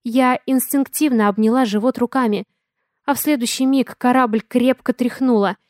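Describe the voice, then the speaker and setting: A woman narrating a first-person audiobook in an expressive, dramatic way. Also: on the high side, moderate pace, no room sound, clean studio sound.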